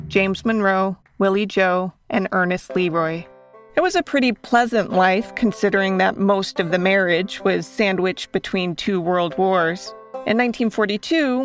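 A woman with a medium-pitched voice narrates a scripted true story as a host. Her storytelling is measured, with faint music playing underneath.

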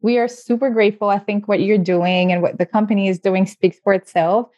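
A woman's voice: mid-range voice, steady tone, brisk, darkish tone, muffled recording. A woman hosting a podcast interview, chatty and full of fillers and restarts. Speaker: podcast host. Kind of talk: casual interview chat.

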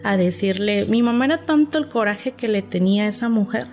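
A woman appearing on a podcast shares a personal story, speaking a little fast in a mid-range voice with a Mexican Spanish accent. Animated and casual, she acts out the people she quotes, while faint music plays behind her.

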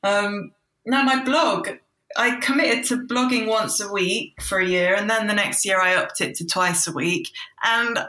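Casting: woman guest, loose chatty delivery, bright tone, roomy echo. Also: mid-range voice, a little slow. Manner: chatty, laughs often, filler-heavy. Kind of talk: casual podcast chat.

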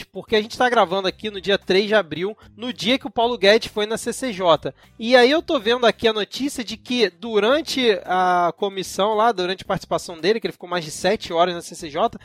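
A man's voice: high-pitched, fairly quick, few pauses, fairly bright tone, dry recording. A man hosting a casual political podcast, joking and laughing often as he runs through the news. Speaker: podcast host.

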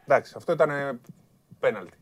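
A man co-hosting a sports talk show, stubborn and grumbling as he argues his point in studio banter. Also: mid-range voice. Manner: stubborn, grumbling about referees.

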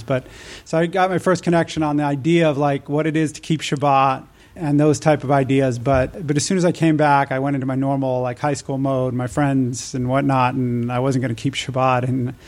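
Speaking with a medium-pitched, darkish voice, this American podcast guest from New Mexico and Nevada recounts his life story in a conversational, level-toned way with little rise or fall.

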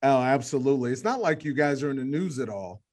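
A man's voice: mid-range voice, expressive, fast, a little mellow. Chatty man podcast host. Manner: chatty, many fillers and restarts. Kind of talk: casual interview.

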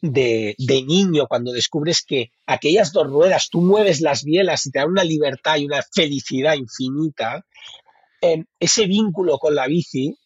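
A man's voice: a little high, moderate pace, husky, dry recording, lo-fi sound. A man from Spain with a Spanish accent, a bike fitting expert talking keenly in an interview, often repeating and restarting words. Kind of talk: casual interview talk.

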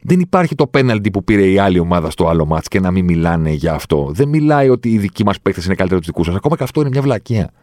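Deep-voiced man giving an emphatic monologue. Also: big pitch swings, hardly any pauses, a little mellow, no echo, clean studio sound. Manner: emphatic, reflective, repeats phrases for emphasis. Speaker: podcast host. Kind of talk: solo opinion monologue.

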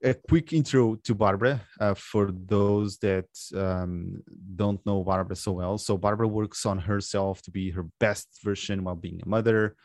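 A man hosting a conversational interview in an underground studio, speaking haltingly and repeating words. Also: lowish voice, steady tone, a little mellow, no room sound. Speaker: podcast host and interviewer. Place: underground bunker-like studio in Lisbon.

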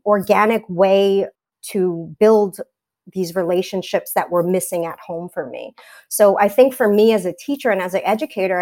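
A woman talks through her answers in a thoughtful way. She often restarts her sentences and fills the gaps with ums. Her voice sits at an ordinary, middle pitch. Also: darkish tone. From New York, USA. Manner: reflective, many fillers and restarts. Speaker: teacher. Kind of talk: conversational interview.

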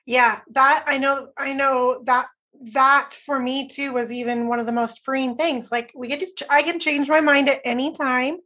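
A woman's voice: high-pitched, steady tone, moderate pace, sharp tone. A woman in her late thirties hosting a podcast interview, agreeing and conversational. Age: 30s. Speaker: podcast host.

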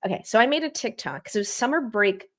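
Bubbly young woman telling a story. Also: on the high side. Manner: bubbly, animated storytelling with quick asides. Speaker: guest, motorsport streamer. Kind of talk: casual interview chat.

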